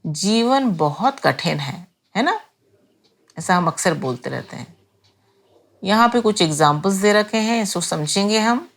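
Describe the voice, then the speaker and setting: A woman teaching an English grammar lesson, explaining slowly and carefully and repeating each example. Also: medium pitch, lively intonation, vocal fry.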